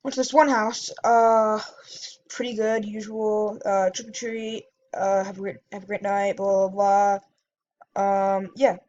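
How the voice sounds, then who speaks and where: A woman's voice: medium pitch, flat delivery, a little slow, darkish tone, lo-fi sound. A woman vlogger telling a story in a casual, rambling way, full of fillers and self-corrections.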